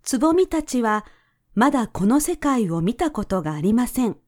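A woman narrating a children's story in a gentle, measured way. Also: fairly high pitch, very animated.

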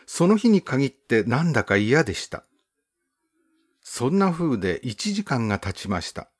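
A male audiobook narrator reads a first-person story in a calm, literary storybook style, measured and gently expressive. His pitch sits mid-range but rises and falls a great deal from phrase to phrase, giving the reading plenty of melody.

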